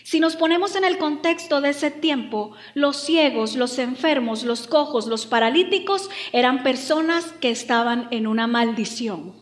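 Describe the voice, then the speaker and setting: A woman pastor preaching a lively, humorous sermon. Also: high voice, measured pace, few pauses, reverberant. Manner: lively, humorous, acts out quotes.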